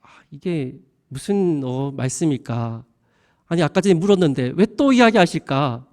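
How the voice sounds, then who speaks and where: A man acting out a downcast disciple who calls himself a failure, in a high, lively voice. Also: moderate pace, close to an everyday voice. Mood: puzzled. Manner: self-deprecating, downcast confession. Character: Peter, a dejected fisherman disciple, man.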